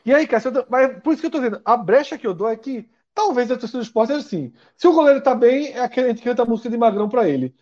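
A man's voice: extremely high pitch, lively intonation, rapid-fire, few pauses, a little mellow. A man from Brazil hosting a live football talk stream, disagreeing often and reading out chat comments. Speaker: sports show host. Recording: dull lo-fi audio.

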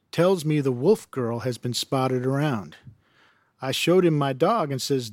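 A man reading aloud as a rough-spoken, superstitious backwoods man who rambles in folksy broken grammar. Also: a little high, a little mellow, no room sound, studio quality, natural voice.

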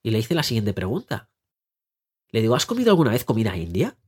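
A man with a slightly husky voice talks through a casual podcast monologue. He coaches listeners in a lively, conversational way and keeps asking rhetorical questions. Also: fairly low pitch, fast. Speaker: life coach and podcast host.

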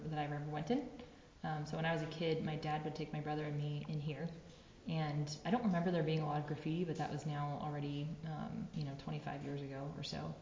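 A woman in her thirties, a cave resource manager, chatting quickly and laughing often while sitting in an underground cave, her voice echoing off the rock. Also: deep voice, gravelly, darkish tone, slight background noise. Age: 30s. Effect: cave echo. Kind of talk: casual interview storytelling. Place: large underground cave room. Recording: echoey cave, dull muffled sound.

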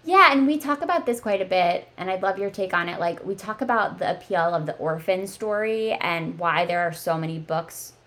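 A woman's voice: on the low side, animated, normal speed, hardly any pauses, a bit bright. A woman in her thirties hosting a casual book podcast, talking in a chatty way with lots of "like" fillers. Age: 30s. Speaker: podcast host.

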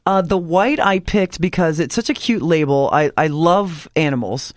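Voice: medium pitch, moderate pace, no room sound, clean studio sound. A radio morning show guest in casual chat, bubbly, playful and chatty.

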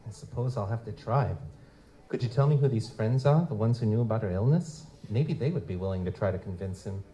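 In a hard-boiled noir audio drama, a man plays a wisecracking male lutin goblin private investigator who narrates noir-style. His fairly low, mellow voice is a little fast and close to an everyday voice, and he sounds polite and probing, wryly feigning hesitant politeness. It's a noisy live stage recording.

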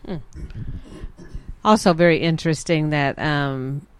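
A woman co-hosting a health talk, explaining symptoms in a measured way. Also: low voice, clear, resonant tone. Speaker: co-host.

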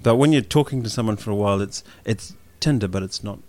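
A man's voice: lowish voice, fast talker, darkish tone. A man with a broad New Zealand accent, a podcast co-host chatting in an offhand, slangy, joking way. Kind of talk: casual chat.

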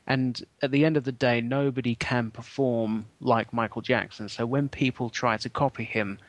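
This podcast co-host, a man with a mid-range voice, talks at normal speed with fairly even intonation and no echo. Chatting casually, he tells a wry story packed with ums and fillers.

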